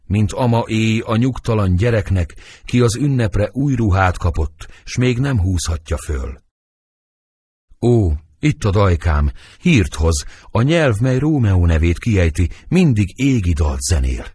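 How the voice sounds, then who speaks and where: A man's voice: lowish voice, sing-song, warm tone, breathy edge, dry recording. A man reading the part of young Juliet, anguished and passionate, in dramatic verse.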